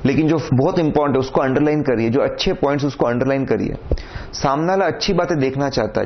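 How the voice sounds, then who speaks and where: Indian male lecturer, instructive and direct, slightly high voice, muffled recording. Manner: direct, repeats "correct?" and "theek hai", instructive. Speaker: exam coaching lecturer. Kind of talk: lecture mixing Hindi and English. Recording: dull lo-fi sound with faint noise.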